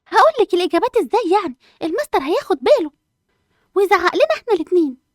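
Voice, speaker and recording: A woman's voice: extremely high pitch, sing-song, very fast, dry recording, clean studio sound. A woman voicing a sensible, studious schoolgirl twin with an Egyptian accent, lecturing her sister. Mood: indignant. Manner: indignant, lecturing.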